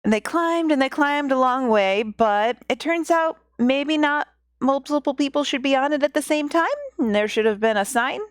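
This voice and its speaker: A woman's voice: high voice, moderate pace, no room sound, clean studio sound. A woman hosting a podcast, retelling a fairy tale in a chatty, jokey way with asides. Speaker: podcast host and storyteller. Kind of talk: casual storytelling with asides.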